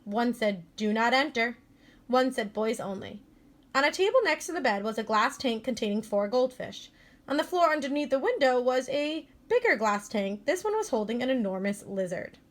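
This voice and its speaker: Woman schoolteacher, read-aloud narration of a kids' novel, clear and even, a touch high. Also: fairly quick. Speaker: elementary school teacher. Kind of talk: reading a children's book aloud.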